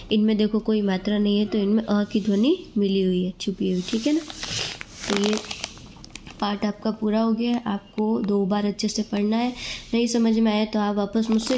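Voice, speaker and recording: A woman's voice: medium pitch, mellow, slight background noise. A woman teaching a grammar lesson to students. She explains step by step and keeps checking in with them.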